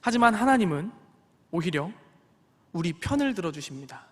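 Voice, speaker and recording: A man's voice: sits high, sing-song, moderate pace, breathy edge. A man preaching a sermon as a pastor, telling a story earnestly with wry asides. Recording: long hall reverb.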